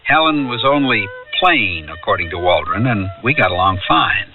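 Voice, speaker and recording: In a piece of 1970s radio drama, an actor narrates in first person as a wistful ordinary man recalling a youthful summer holiday, reflective and conversational. His voice sits lowish with a sing-song lilt and moderate pace, heard far from the mic on muffled tape with music behind.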